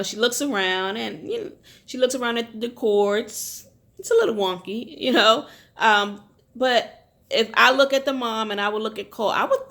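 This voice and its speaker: A woman's voice: mid-range voice, fairly bright tone. A woman giving casual commentary as a reality TV reviewer, blunt, opinionated and profane.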